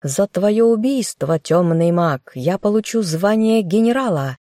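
A woman voicing an arrogant, treacherous young man, a squire in armor who shouts threats. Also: mid-range voice, animated, measured pace, dry recording, studio quality, natural voice. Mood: threatening. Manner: shouting, menacing.

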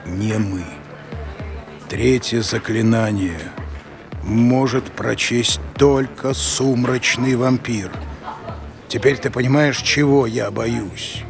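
Actor as ancient undead schemer, male, gravelly fry, unhurried, ominous, audio drama, faint music. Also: mid-range voice. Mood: wary. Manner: measured, ominous, explanatory.

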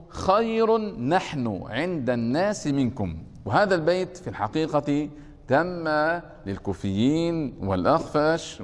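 An Egyptian man teaches a classical Arabic grammar lesson, his voice sitting a little high for a man. He keeps checking on his students with quick questions as he works through each point. The sound carries the long reverb of a lecture hall.

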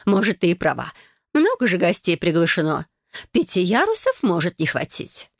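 A woman's voice: fairly low pitch, huge pitch swings, moderate pace, no room sound, studio quality, heavily acted. A woman doing a gushing bossy mother. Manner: effusive, steamrolling, chatters on. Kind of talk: audiobook character voice.

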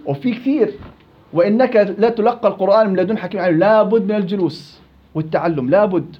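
A man's voice: sits high, fast, highs cut off. A man teaching a recitation class, quizzing students and repeating words to demonstrate them. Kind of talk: classroom lesson.

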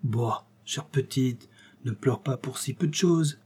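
A rich old king turned fond father, soothing and slow, his voice dark and a little husky, as the narrator plays him. He coaxes more than commands. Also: medium pitch, natural voice. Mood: coaxing. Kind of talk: storybook reading.

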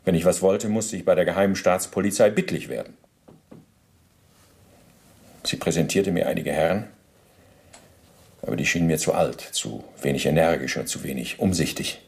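In a radio play, a male former SS officer under interrogation delivers a testimony monologue in stiff officialese, justifying himself in pedantic detail like a bureaucrat. His voice is low and a little mellow with vocal fry, and he stays formally deferential to his interrogator.

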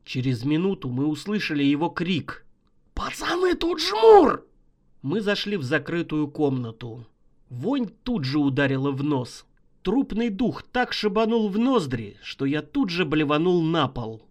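A man reading a horror story aloud as an audiobook narrator, expressive and vivid. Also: on the high side, normal speed.

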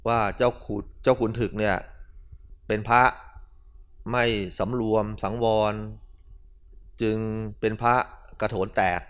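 Male monk, fairly low voice; relaxed, conversational dharma-talk storyteller. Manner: relaxed, conversational, with colloquial asides. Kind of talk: casual storytelling sermon.

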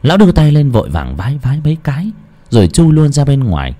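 A man narrating a ghost story dramatically, with an expressive, swooping delivery. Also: mid-range voice, quick pace.

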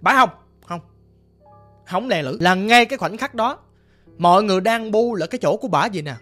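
Storyteller: a Southern Vietnamese man, conversational and lively, spinning a ghost tale. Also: high-pitched, a little fast, soft background music. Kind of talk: casual spoken storytelling.

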